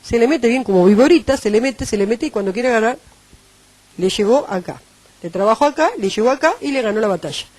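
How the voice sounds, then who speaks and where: A woman with a Uruguayan Spanish accent preaching a sermon, animated and acting out the voices she quotes. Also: fairly high pitch, brisk, no echo.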